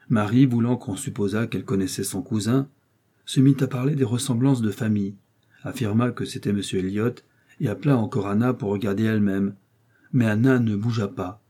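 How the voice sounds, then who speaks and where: A man narrates a classic novel as an audiobook in a steady, even way. His voice sits low and sounds mellow and dark. A husky grain runs through it. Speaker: audiobook reader.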